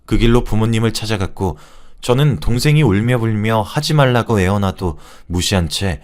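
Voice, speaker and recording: Man narrating a story with a lively voice. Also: on the low side, normal speed. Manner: animated storytelling, voicing his own angry lines. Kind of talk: dramatized first-person story narration.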